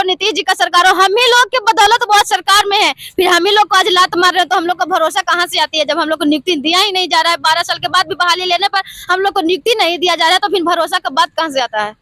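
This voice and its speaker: A woman's voice: very high voice, pushed and bright, dry recording. A woman who is a protesting job candidate and a mother, pleading. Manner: pleading, aggrieved. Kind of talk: emotional protest interview.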